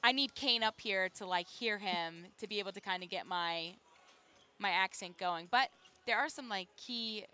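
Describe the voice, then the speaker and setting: A young woman in casual courtside chat, animated and chatty, telling stories about her work. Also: medium pitch. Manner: animated, chatty, quick to laugh. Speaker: sideline reporter. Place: arena courtside.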